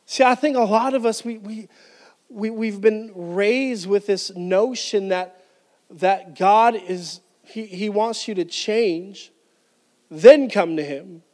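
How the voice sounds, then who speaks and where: A man's voice: sits high, takes it slowly, darkish tone. A man in his thirties preaching a sermon on a church stage into a handheld mic, with emphatic delivery and frequent restarts. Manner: emphatic preaching with repeated restarts, gesturing while speaking. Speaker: pastor. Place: church stage, indoors, medium-sized hall. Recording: hall with long reverb.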